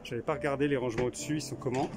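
Filmed on a handheld camera, a man gives casual walkthrough commentary of a small camper van at a trade show, thinking out loud with lots of fillers and restarts. His medium-pitched voice is steady but very fast. There's music in the background.

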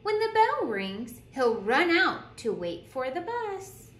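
A woman reading a picture book aloud like a teacher, telling it deliberately and putting questions to young listeners. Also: sits high, sing-song, fairly bright tone. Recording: roomy echo with clear background noise.

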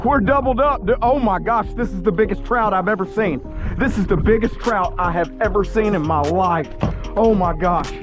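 A man in his thirties fishing from a kayak outdoors, shouting excited commentary into an action camera as he hooks fish. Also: high voice, normal speed, music in the background. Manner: exclaims loudly while fighting fish. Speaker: fishing video host. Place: kayak on open water outdoors.

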